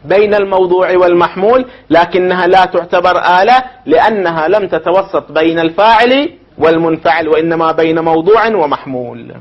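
High-voiced man lecturing step by step. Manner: deliberate, step-by-step, with questions to his listeners. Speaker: teacher. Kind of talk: formal lecture on logic. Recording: dull lo-fi recording.

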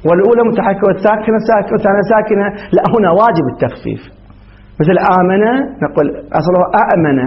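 A man's voice: high voice, lo-fi sound. A man teaching Arabic grammar in a classroom lecture, explaining step by step and often checking with his students.

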